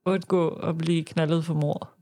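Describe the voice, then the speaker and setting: A woman's voice: deep voice, little pitch movement, warm tone. Danish woman telling casual podcast anecdotes. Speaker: podcast co-host.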